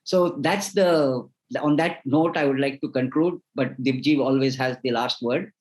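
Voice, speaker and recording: A man's voice: medium pitch, unhurried, poor audio. A man, a host giving formal, effusive closing remarks with frequent restarts. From India.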